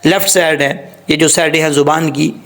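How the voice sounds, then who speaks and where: A man's voice: fairly high pitch, steady tone, vocal fry, fairly bright tone. A man teaching Quran recitation rules, patiently explaining step by step and correcting common mistakes, over a screen recording. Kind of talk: tajweed lesson with recited examples.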